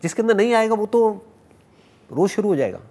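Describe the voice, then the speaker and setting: A man with a high-pitched voice delivers a motivational talk and takes audience questions, speaking fairly quickly. He is animated and playfully teasing, mixing English phrases into his Hindi.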